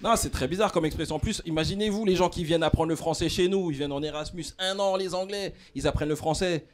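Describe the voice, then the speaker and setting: A man's voice: fairly high pitch, fast. A man doing a stand-up routine on a comedy club stage, playfully addressing the audience. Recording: live club audience laughter.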